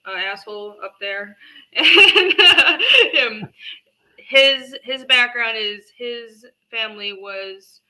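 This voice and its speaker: A woman speaking through a tinny, metallic-sounding mic, chatting casually and laughing as she pitches her comic. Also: expressive, slow, sharp tone. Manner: giggly, chatty, trails off into laughs. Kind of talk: casual livestream chat.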